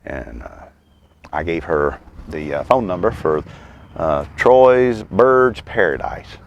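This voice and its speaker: Deep, gravelly Southern man puffing a pipe. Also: big pitch swings, slight background noise. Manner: folksy, unhurried, wry humor; talks while puffing on a pipe. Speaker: host of a homestead and birdwatching channel. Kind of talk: rambling casual vlog chat. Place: outdoors.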